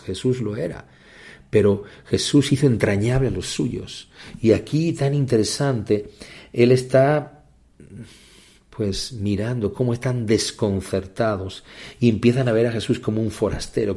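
A man's voice: gravelly, mellow. A man preaching a sermon with fervor, repeating phrases and rising into sudden emphatic peaks. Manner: impassioned, repetitive, with sudden high emphatic outbursts.

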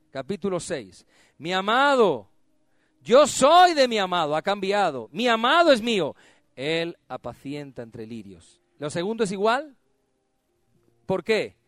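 A man preaching a sermon, swinging between emphatic exclamations and quiet, low drops. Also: dry recording, clean studio sound.

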